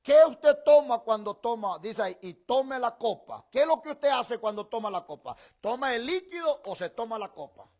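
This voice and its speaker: A man's voice: very high-pitched, expressive, moderate pace, hardly any pauses, darkish tone. A middle-aged male pastor preaching a sermon in a conversational way, teasing his congregation, then building to emphatic proclamation.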